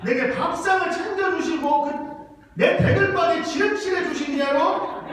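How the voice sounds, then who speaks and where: A man's voice: extremely high pitch, a little slow, slight background noise, pitched above the performer's own voice. A pastor doing an exuberant Jeolla-accented country man. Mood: giddy. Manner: loud, drawling, playful dialect. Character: exuberant rustic man praising God. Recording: echoey hall from far off.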